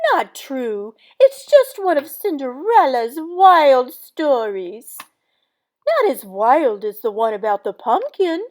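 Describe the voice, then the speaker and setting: A woman reading aloud as a haughty, exasperated wicked stepmother, narrating in a loud, theatrical storybook voice. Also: sits high, pitched above the performer's own voice, exaggerated voice.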